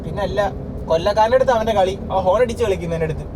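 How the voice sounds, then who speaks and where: A Malayali man from Kerala telling a family story, casual, laughing, talking loud from a car. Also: sits high, very fast, noisy background. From Kerala, India. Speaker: family vlogger. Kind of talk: casual vlog chat. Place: in a car on city roads.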